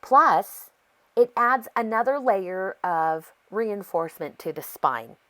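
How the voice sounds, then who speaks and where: This craft video host, an American woman, sounds congested and hoarse, as if her throat is sore, while she chats and rambles her way through a craft process. Her medium-pitched voice is expressive, slow, and slightly bright, and she gets sidetracked easily.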